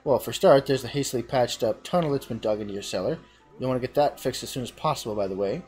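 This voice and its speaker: A man's voice: mid-range voice, quick pace, a little mellow, husky, soft background music, natural voice. A man reading a dry-witted adventurer. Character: wry adventurer reporting a cellar mess. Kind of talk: reading game dialogue aloud.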